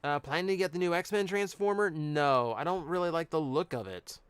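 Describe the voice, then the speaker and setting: A man's voice: a little high, normal speed, clear, resonant tone, no room sound. Chatty man opening card packs. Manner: chatty, reads out cards, answers chat. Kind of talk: casual live-stream chat.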